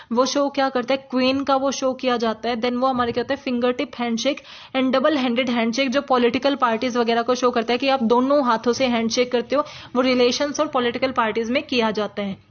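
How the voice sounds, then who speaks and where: A woman lectures in a high voice that stays fairly level, with little rise and fall. She keeps asking questions and answering them herself, dropping in English terms as she goes. The recording sounds dull and muffled. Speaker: teacher. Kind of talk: explanatory lecture.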